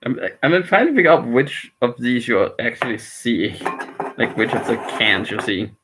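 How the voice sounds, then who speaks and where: A man's voice: mid-range voice, big pitch swings, normal speed, a bit bright, poor audio. Man streaming live hockey reactions. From Denmark. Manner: casual, rambling, frustrated with his team.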